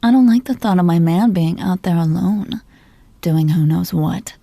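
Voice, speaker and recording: A woman playing a jealous, possessive girlfriend in an ASMR role-play, teasing and interrogating her partner in a slow, controlling murmur. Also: lowish voice, vocal fry, warm tone, dry recording. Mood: teasing suspicion.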